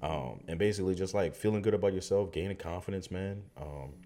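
A man's voice: low-pitched, brisk, dark tone, a little hiss or hum. A young man hosting a casual podcast, laughing often and swearing a lot as he talks. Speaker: podcast host.

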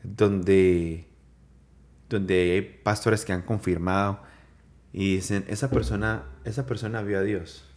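A man hosting a podcast in casual conversation, relaxed and joking, prompting his guest. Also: low-pitched, slow. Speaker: podcast host.

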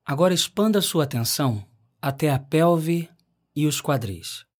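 A man narrating a scripted guided meditation in a calm, unhurried way with long pauses. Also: fairly high pitch.

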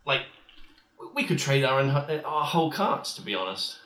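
Male tabletop player, casual halting improvisation, forceful bright tone, roomy recording. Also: mid-range voice, big pitch swings. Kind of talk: casual improvised role-play chat. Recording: roomy echo.

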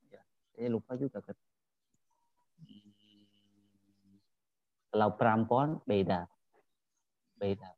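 A man with a Cambodian accent and Khmer as his first language, speaking Indonesian as a foreigner in halting, simple phrases with repeated words in a casual interview. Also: fairly low pitch, no echo, narrow, tinny audio. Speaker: interview guest, former foreign student.

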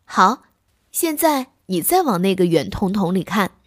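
A woman's voice: medium pitch, very animated, measured pace, no room sound, studio quality. A woman voicing a proud, boastful grown male wolf in a children's story, lecturing in a show-offy, impatient way.

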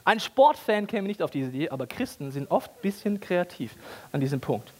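Animated, ironic German preacher. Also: male voice, sits high, brisk. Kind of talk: sermon.

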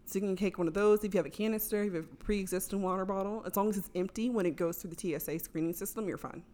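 A woman's voice: medium pitch, racing, mellow. A woman chatting casually on a podcast, explaining travel tips and laughing often. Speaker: podcast co-host.

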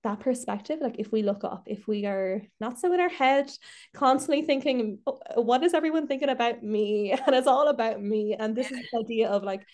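A woman's voice: a little high, darkish tone. A woman hosting a podcast, a trainee therapist, talking in a reflective, rambling way with many restarts. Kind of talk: casual podcast chat. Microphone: video call.

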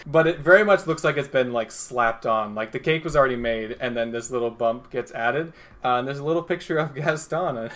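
A man's voice: medium pitch, fairly bright tone. Gm guy narrating a tabletop game, rambly, tons of "like"s, mid voice, laughs a lot. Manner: rambling, filler-heavy, laughs often. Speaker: game master. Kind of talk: narrating a tabletop role-play.

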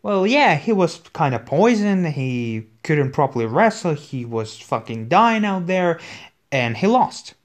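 A man ranting in casual, profane commentary, his voice hoarse and exasperated. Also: fairly high pitch, big pitch swings, measured pace. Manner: profane, exasperated, swears constantly. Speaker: wrestling commentator.

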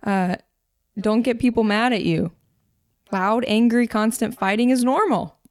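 A woman's voice: fairly high pitch, no room sound. Chatty woman co-host, dry close sound. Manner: conversational, fillers and quick asides. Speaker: podcast co-host. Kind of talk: casual faith-based discussion.

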